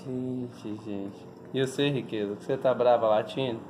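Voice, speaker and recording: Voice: mid-range voice, fairly even intonation, moderate pace, background noise. A person, filming pets at home on a phone, coaxing and cooing at puppies in a playful, chuckling way. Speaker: pet video maker.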